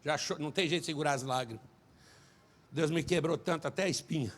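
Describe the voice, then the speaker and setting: A Brazilian man preaching a sermon at a church service, telling a personal testimony in an animated way and rising to shouts. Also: a little high, fast talker. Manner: animated storyteller, acts out quotes, shouts at climaxes. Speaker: pastor and singer.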